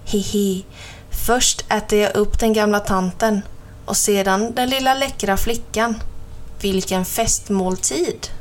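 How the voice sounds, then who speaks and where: A woman's voice: mid-range voice, steady tone, lightly acted. Woman reading as a sly gloating wolf. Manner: gloating, drawn-out sly delivery. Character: sly hungry male wolf. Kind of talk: storybook reading.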